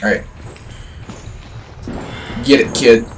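A man's voice: medium pitch, steady tone, slow, faint music behind. A man co-hosting a horror game let's play, teasing his friend with crude jokes and frequent laughter. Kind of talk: joking gameplay banter.

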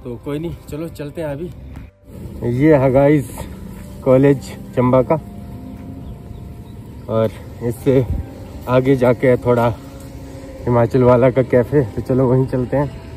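A man's voice: mid-range voice, fairly even intonation, takes it slowly, long pauses, warm tone, soft background music. A young man narrating a casual travel vlog, chatting to his viewers while holding his phone at arm's length, outdoors and in a small cafe. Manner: chatty, addresses viewers as guys. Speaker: travel vlogger. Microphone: phone camera at arm's length.

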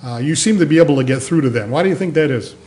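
A male talk show host keeps the interview loose and jokey. He chuckles between his questions. His voice sits a little high. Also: lively intonation, rapid-fire, a little mellow.

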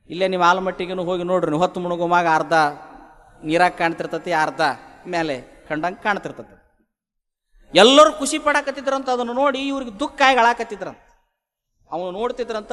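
A man with a North Karnataka Kannada accent preaching a devotional sermon, chanting verses slowly and then explaining them in lively colloquial speech. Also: high voice, big-room sound.

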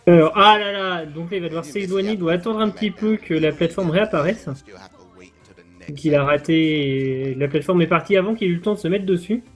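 A man with a notably high voice explains a speedrun in measured live commentary. He pauses often with fillers as he builds his explanations. Faint game music sits under his voice.

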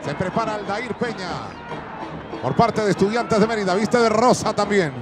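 A man calling football penalties as play-by-play commentator, stretching his goal shouts out long. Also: high voice, moderate pace. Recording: broadcast with crowd and music behind.

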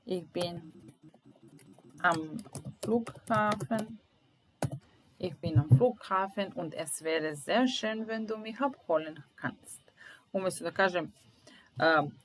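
A woman teaching a German lesson, saying sentences aloud and repeating each one slowly and carefully. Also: on the low side, a bit bright, slight background noise, poor audio. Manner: slow, deliberate repetition of phrases.

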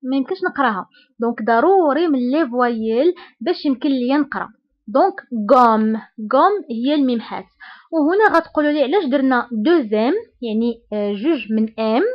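A woman with a Moroccan Arabic accent teaching French pronunciation, spelling out vowel pairs and repeating each example word slowly. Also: high voice, lo-fi sound. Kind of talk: slow explanatory language lesson.

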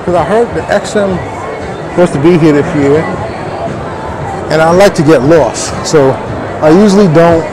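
Through a face mask, a vlog host talks casually in laid-back slang while walking around a large, crowded convention hall. He speaks at a moderate pace in a voice on the high side, pausing often. Crowd chatter and hall noise make the audio noisy.

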